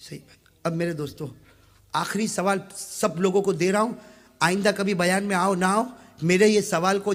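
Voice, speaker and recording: A man from Gujarat preaching an emotional sermon, swinging from quiet talk to impassioned shouting and urging the crowd to answer back. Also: high-pitched. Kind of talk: emotional sermon to a live gathering. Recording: long reverb from a large hall.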